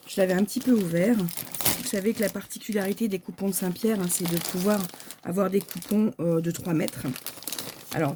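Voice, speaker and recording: A sewing shop owner from France chats casually through an unboxing, hesitant and full of fillers while packaging crinkles behind her. Her voice is mid-range with a dark tone. A little hiss or hum sits under the audio.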